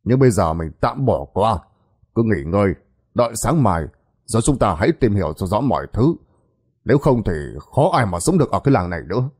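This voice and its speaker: Man doing an older village man, calm, measured, low husky voice, faint music. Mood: grave.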